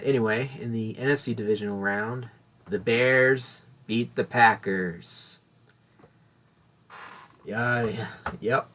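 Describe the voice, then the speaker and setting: A man's voice: fairly low pitch, a bit bright. A man hosting a casual solo podcast, rambling and correcting himself as he talks. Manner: rambling, self-correcting, chatty. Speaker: podcast host.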